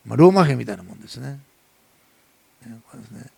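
Man, pastor, Nagasaki dialect, middle-aged, sermon, gravelly voice, dry close sound. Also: mid-range voice, lively intonation, quick pace, dry recording. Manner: impassioned preaching, swells loud then drops soft.

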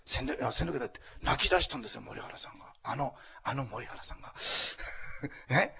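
A man pastor preaching a sermon to a congregation and leading a prayer, animated and dropping to whispers for emphasis. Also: mid-range voice, moderate pace, husky. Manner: animated, acts out quotes, drops to whispers. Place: church hall before a congregation.

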